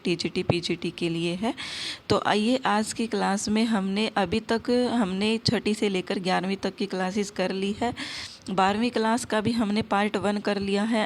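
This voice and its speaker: A woman teaching an exam-prep lesson, explaining by asking and answering her own questions and reciting verses slowly. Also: medium pitch, a little hiss or hum. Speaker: Sanskrit teacher.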